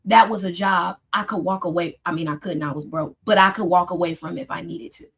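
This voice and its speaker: A woman therapist giving casual advice to her viewers, emphatic and direct, calling them "y'all" and jumping up in pitch when she drives a point home. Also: fairly even intonation, brisk, gravelly, fairly bright tone, husky. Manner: emphatic, addresses listeners as "y'all", rises sharply when stressing points. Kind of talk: casual motivational talk.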